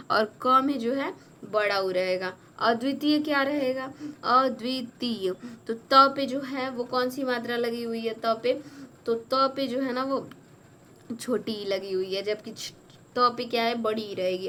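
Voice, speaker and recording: Woman giving a slow spelling lesson. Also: fairly high pitch, a bit bright, slight background noise. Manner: slow, repetitive, correcting each word. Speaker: exam prep tutor.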